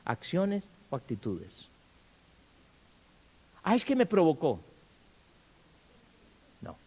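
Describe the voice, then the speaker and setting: A man preaching a sermon in a church, firing questions at the congregation and acting out quarrels in loud bursts. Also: fairly high pitch, rough recording. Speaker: pastor. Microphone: handheld or stand mic.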